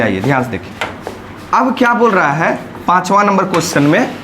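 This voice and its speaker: A man teaches maths in a classroom, his voice sitting a little high for a man. He counts through the steps aloud and keeps checking with the students, coaxing them to say whether it is clear. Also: a little hiss or hum. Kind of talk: classroom lesson at a whiteboard. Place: classroom, recorded in summer heat.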